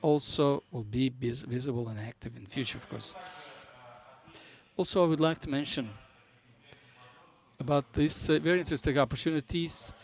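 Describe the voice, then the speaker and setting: A man who is not a native English speaker gives a business conference presentation, halting as he searches for words. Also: medium pitch, steady tone. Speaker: conference presenter for a banking software company.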